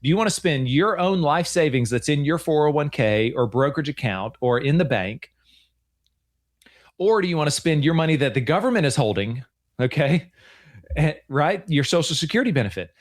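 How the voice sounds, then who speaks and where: A man's voice: on the high side, lively intonation, a little fast. Chatty man in his forties. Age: 40s. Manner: earnest, chatty, repeats himself. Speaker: financial advisor and show host. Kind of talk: casual radio-show chat.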